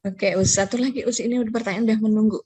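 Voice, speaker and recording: A woman's voice: fairly high pitch, fairly even intonation, very fast, a little mellow, husky, no echo. Woman moderator on a video call, polite, hesitant fillers, dry close sound. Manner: polite, reads out questions, filler-heavy. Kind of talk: moderating an online Q&A.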